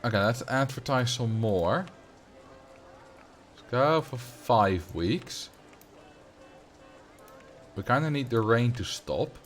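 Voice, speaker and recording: A Dutch streamer from the Netherlands chats casually while playing a game on a livestream, answering his chat as he goes. His mid-range voice is expressive, with a mild Dutch accent, and he takes his time, leaving long pauses.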